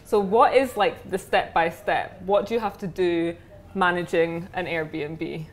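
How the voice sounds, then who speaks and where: A woman's voice: fairly low pitch, steady tone, a little slow, background noise. Curious woman vlogger, echoey room. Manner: friendly, curious, lots of "like". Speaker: vlogger and interviewer. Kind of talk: casual interview on a tour. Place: indoor apartment.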